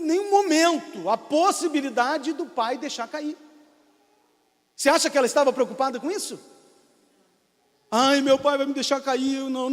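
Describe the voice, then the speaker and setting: A Brazilian man preaching an impassioned sermon as pastor, rising to shouts, in a reverberant church. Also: extremely high pitch. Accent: Brazilian Portuguese.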